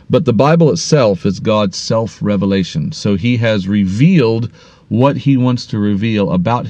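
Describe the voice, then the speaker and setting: A man's voice: fairly low pitch, darkish tone, no room sound. A man teaching an online Bible course, explaining points and often restarting his phrases. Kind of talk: recorded online course lesson.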